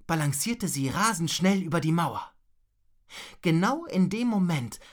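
Female storyteller for children, slow and expressive, lower voice. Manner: slow, expressive reading with many character voices.

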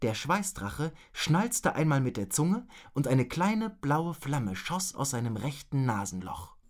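Man, children's audiobook narrator, slow, very expressive pitch. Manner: slow, lively storytelling. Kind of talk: scripted children's story narration.

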